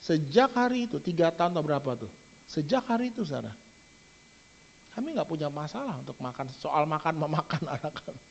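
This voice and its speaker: A middle-aged pastor preaching with a high, lively voice that keeps turning to address his congregation. The sound is dull and lo-fi, like an online church service stream. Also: brisk, gravelly, a little hiss or hum. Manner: lively preaching, often adds "saudara". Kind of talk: sermon.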